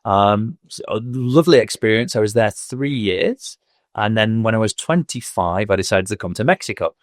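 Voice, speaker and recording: A man's voice: lowish voice, animated, normal speed, no room sound, clean studio sound. A man in his thirties from Manchester with a Mancunian accent, reflecting on his career as a podcast guest, with frequent fillers. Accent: Mancunian English. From England. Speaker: guest, school owner. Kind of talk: podcast interview.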